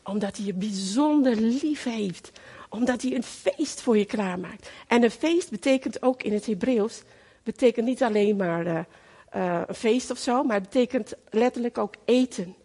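A woman's voice: on the high side, moderate pace, dark tone, breathy edge, in a large hall. A middle-aged woman preaching a sermon in a fervent, emphatic way, repeating her phrases for weight.

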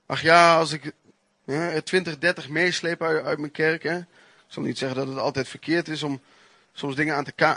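A man preaching a sermon, telling his own testimony in an earnest, emphatic way with pauses and restarts. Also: a little high, fairly bright tone, dry recording.

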